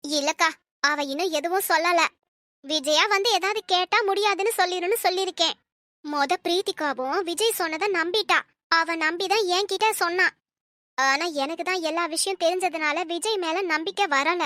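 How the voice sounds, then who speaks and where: Cartoon friend voiced by a woman, earnest, worried, very high voice. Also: bright, forceful tone, no echo, clean studio sound. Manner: earnest explaining.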